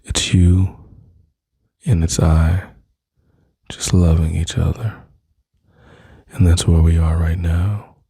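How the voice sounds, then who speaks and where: Man, dark husky voice, intimate soothing whisper-talk, dry close mic. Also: low voice, flat delivery, takes it slowly, long pauses, no echo. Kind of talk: soft-spoken ASMR comfort roleplay.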